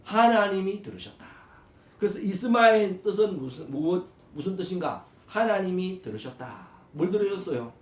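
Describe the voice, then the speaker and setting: A high-pitched male pastor with a very lively voice that leaps up and down as he preaches. He keeps throwing rhetorical questions at the congregation, drops to soft asides and then rises to loud, emphatic calls. He is heard from some distance in an echoey church sanctuary. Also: moderate pace. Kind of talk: sermon. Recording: echoey hall, voice from far off.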